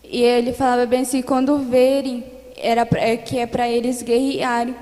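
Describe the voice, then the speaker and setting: A woman's voice: fairly high pitch, little pitch movement, moderate pace. A young woman with a Brazilian Portuguese accent, giving an earnest, fervent religious testimony in a church and retelling it in repeated phrases. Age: young adult. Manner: earnest, repetitive storytelling that grows louder and more fervent. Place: church hall. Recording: echoey church hall.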